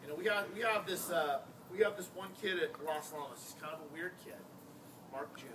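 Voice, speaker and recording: Male American basketball coach, informal tribute speech, conversational and emphatic, slightly high pitch, picked up by a distant mic. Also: a little fast. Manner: conversational, anecdotal, emphatic repetition. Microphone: distant microphone. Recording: noisy, distant-miked live room recording.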